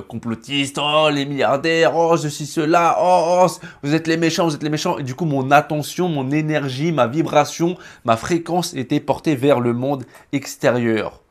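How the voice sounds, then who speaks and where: Man, casual vlog talk, familiar and chatty, earnest, mid-pitched voice. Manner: chatty and familiar, speaks straight to the viewer; earnest and reflective. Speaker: YouTuber.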